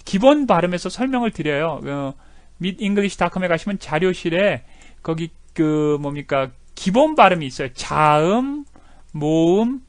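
Animated man teaching English pronunciation. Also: high voice, moderate pace, no echo. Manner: animated, repeats and demonstrates pronunciation. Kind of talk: video lesson.

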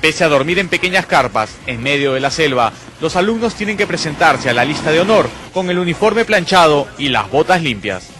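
A man's voice: on the high side, animated, fairly quick, few pauses, a bit bright. A man with a Peruvian accent delivering dramatic scripted narration for a TV news report. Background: music.

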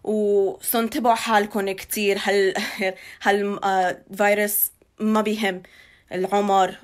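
A woman's voice: medium pitch, little pitch movement, normal speed. A woman in her twenties with a Levantine Arabic accent, giving an informal live news update into a phone held at arm's length indoors. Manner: code-switches between Arabic and English. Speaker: local news reporter giving community updates. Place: small indoor room.

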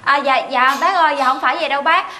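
A woman's voice: high voice, fast talker, crowd noise, natural voice. A woman in her twenties with a southern Vietnamese accent, acting a stubborn, blunt bride-to-be in a comedy skit, insistent and fretful. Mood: apologetic. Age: 20s. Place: indoors, tiled rooms. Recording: echoey room with clear noise.

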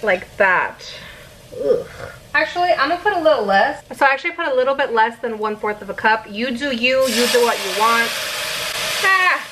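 A woman's voice: a little high, animated, moderate pace, background noise. A young woman in her twenties chatting casually through a home cooking vlog, laid-back and giggly. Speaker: vlogger. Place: home kitchen. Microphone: camera set in the microwave.

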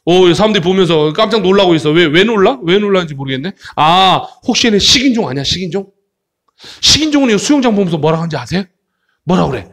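A man who teaches English to kids. He sounds playful and fond of jokes, and his voice sits high and swings widely in pitch. He breaks up slow English phrases with quick explanations. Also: expressive, a bit bright. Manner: playful, jokey, switches between Korean explanation and slow English. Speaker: English tutor. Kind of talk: animated English lesson for children.

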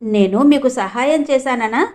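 A woman reading as a frightened little orphan girl in a storybook. The voice is high and soft. Each line comes out timid. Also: a little slow.

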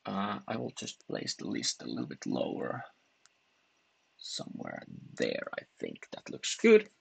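A man narrating a screen-recorded software tutorial, talking haltingly with frequent restarts and fillers as he clicks through. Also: deep voice, huge pitch swings, creaky, husky.

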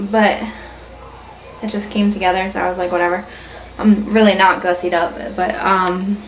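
A woman's voice: on the high side, slight background noise, low-quality recording. A woman vlogging from home in a casual, rambling way, with lots of ums and restarts. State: has the hiccups. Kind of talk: casual vlog chat. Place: at home, indoors.

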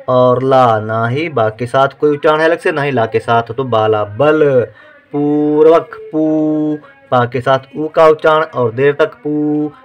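A man teaching how to write words, slowly sounding out each syllable and repeating words like dictation. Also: mid-range voice, muffled recording. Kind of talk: slow dictation-style writing lesson.

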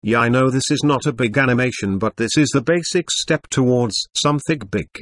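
A synthetic, stilted male computer voice, like an old speech synthesizer, narrating a scripted software tutorial. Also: mid-range voice, a little fast, dry recording, studio quality. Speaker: tutorial presenter.

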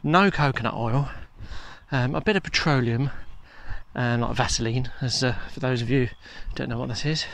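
A man's voice: mid-range voice, moderate pace, creaky, a bit bright. A man chatting in a rambling, self-mocking way while he walks outdoors and films himself on a handheld phone. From England. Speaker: vlogger. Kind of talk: casual walking vlog chat. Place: outdoors on a countryside walk. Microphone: handheld phone camera.

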